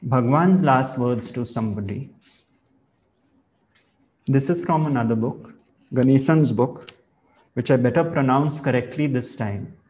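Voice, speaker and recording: A man giving a reflective spiritual talk as a teacher, speaking in a measured, thoughtful way. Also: mid-range voice, a little mellow.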